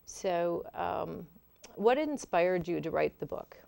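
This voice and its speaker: Talk show host, woman, gracious and a bit halting, lower pitch with a smooth, clear tone. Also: animated, warm tone. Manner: gracious, hesitant with fillers. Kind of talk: interview hosting.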